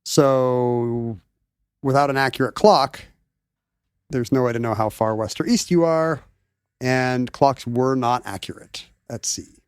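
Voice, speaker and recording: A man's voice: medium pitch, a little slow, smooth, no room sound, clean studio sound. A man co-hosting a podcast, chiming in with wry jokes and explanations. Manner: wry, joking interjections. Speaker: podcast co-host. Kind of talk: casual history chat.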